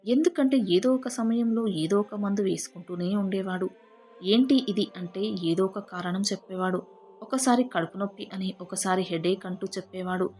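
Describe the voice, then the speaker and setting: A woman telling a first-person family story in a steady, heartfelt way. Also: medium pitch, normal speed. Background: faint background music.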